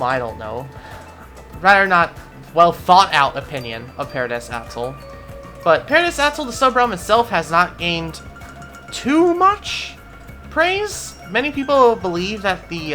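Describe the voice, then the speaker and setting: A woman's voice: lowish voice, sharp tone. A woman giving casual commentary in a gaming vlog, amused and sarcastic, often close to laughing. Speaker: gaming video creator.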